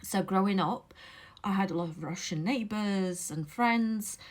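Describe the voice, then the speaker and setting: A middle-aged memoir author and vlogger from Latvia, a native Latvian speaker, speaks English with a Latvian accent touched by Derbyshire English. At home indoors, she gives a casual, reflective monologue to camera in a medium-pitched voice, pausing often, using fillers and phrasing things carefully.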